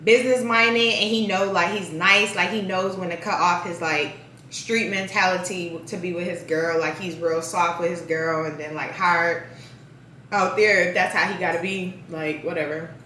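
A woman's voice: on the low side, moderate pace, pushed and bright, slight background noise. A young woman vlogger chatting casually while she eats, saying "like" constantly. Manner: chatty, heavy use of "like", talks while eating. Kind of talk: casual mukbang chat. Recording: echoey room, mic at a distance.

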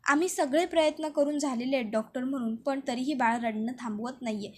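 A woman's voice: sits high, brisk. A woman doing a stern grave doctor. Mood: grave, firm. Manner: firm, explanatory.

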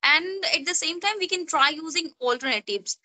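A young woman from Jharkhand, India, a native Hindi speaker with an Indian English accent, tutors English casually over a video call, frequently tossing in "you know" and "right?". Her high voice has a sharp tone at a moderate pace. She's in a small indoor room, with the phone held at arm's length.

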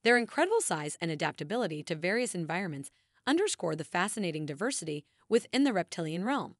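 A woman narrates in the manner of a nature documentary, scripted and formal. Her voice sits a little low, yet it rises and falls widely as she stresses grand phrases. The sound is dry, with very little room in it. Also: big pitch swings, quick pace, no room sound.

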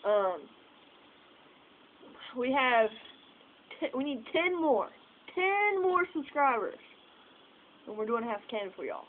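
A woman's voice: high voice, very animated, slow, long pauses, a little hiss or hum. Rambling young woman on tinny phone audio. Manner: rambling, filler-heavy, swearing. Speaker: vlogger. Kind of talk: casual vlog chat. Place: outdoors at night by a house porch. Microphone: phone camera set far away.

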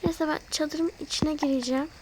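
Her voice is high yet darkish in tone, steady, and at a normal speed, with some slight hiss or hum. The chatty channel host addresses her viewers directly while role-playing over a mobile game, frightening easily and gasping and fretting.

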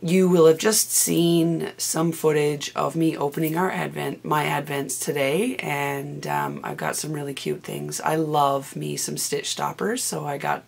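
A knitting vlogger, hoarse from a cold, chatting casually to camera in a rambling, self-correcting way. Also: mid-range voice, measured pace.

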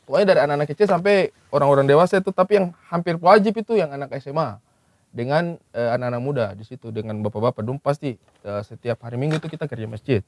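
A man's voice: mid-range voice, fast talker, a little mellow, no room sound. A man from Baubau chatting with friends, teasing them and jumping in with corrections and jokes. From Baubau, Southeast Sulawesi. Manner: teasing, jumps in to correct and joke. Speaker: podcast co-host. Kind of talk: casual chat among friends.

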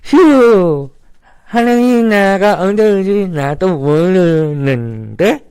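A woman's voice: on the low side, animated, slow pace, dark tone, smooth, dry recording. A woman playing an innocent, curious baby dragonfly in a children's shadow play, speaking with childlike wonder. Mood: dreamy.

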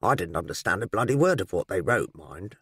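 Give me a woman playing a dry, understated pub landlord with a lively lilt. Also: extremely low pitch, fairly quick, husky, no echo, exaggerated voice. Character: dry, level-headed male pub landlord.

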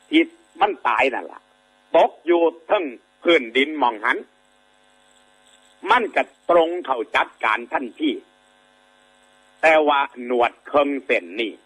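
A Buddhist monk with an Isan Thai accent gives a dharma talk, telling lay listeners a moral fable in a rambling, folksy style, heavy with filler sounds and constant checks that they agree. His voice is on the high side, sharp and slightly rough. The recording quality is low.

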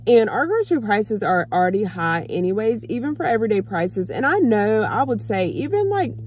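A woman's voice: mid-range voice, big pitch swings, a little fast, darkish tone, breathy edge. A woman in her thirties from the US, chatting casually to her viewers from a parked car, calling them y'all. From United States. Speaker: vlogger. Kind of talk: casual chat to camera. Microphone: phone camera on dashboard.

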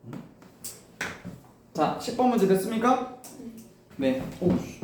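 A man teaching a classroom math lesson, explaining step by step and firing quick questions at his students. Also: fairly high pitch, noisy background. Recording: echoey room, voice from far off.

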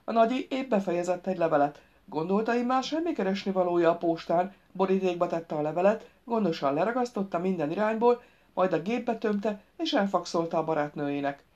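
A woman voicing a stubborn, sharp-tongued young girl in an audiobook, snappy and indignant. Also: lowish voice, lively intonation, muffled recording, lightly acted.

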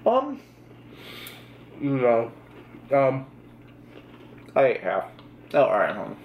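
A man's voice: medium pitch, wildly swooping pitch, takes it slowly, highs cut off, slight background noise. A man doing a taste test, talking casually through a mouthful of cookie and mumbling as he chews. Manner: mumbling while chewing. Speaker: taste tester. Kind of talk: casual chat.

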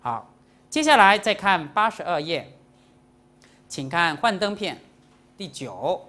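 A Buddhist nun teaching a dharma lecture, her fairly low voice rising and falling with strong animation. She teases the listeners and slips English words into her talk. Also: slow. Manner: lively, teasing, jokes with the audience. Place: lecture to a live audience.

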